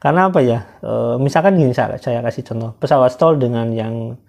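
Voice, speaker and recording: A man talking casually to his viewers as a commentator, often pausing with hesitant fillers. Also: medium pitch, gravelly, darkish tone. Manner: hesitant, fills pauses with "eh".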